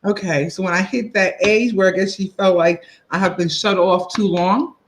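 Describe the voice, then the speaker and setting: A woman guest in casual chat, telling a personal story in an animated, expressive, folksy way. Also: medium pitch, moderate pace, rough recording. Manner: folksy, conversational.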